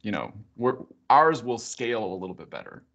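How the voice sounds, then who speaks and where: Hesitant man explaining software on a call. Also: on the low side, sing-song, a little fast. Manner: hesitant, lots of uh and restarts, explanatory. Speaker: software company guest speaker. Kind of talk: conversational technical explanation. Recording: muffled video call audio.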